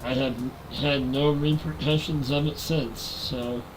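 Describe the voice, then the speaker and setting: While gaming on a live stream, a man in his 40s talks casually to his chat over a headset mic, sounding relaxed. His nasal, medium-pitched voice moves at a measured pace, and there's background noise.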